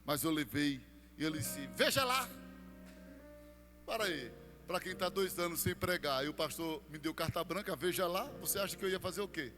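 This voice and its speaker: A Brazilian pastor tells his own story in a sermon with a fairly high voice. He drops to quiet storytelling and then rises into loud, fervent bursts. Music plays clearly behind him. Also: brisk, big-room sound. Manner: storytelling testimony, swings from hushed to shouted.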